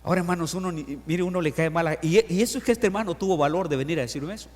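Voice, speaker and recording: A middle-aged male pastor delivers a lively sermon with a fairly high voice. He acts out scripture and asks his congregation questions. His voice rings with the long reverb of a church hall. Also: rapid-fire. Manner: animated, acts out Bible quotes and stories, asks the congregation questions. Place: church sanctuary.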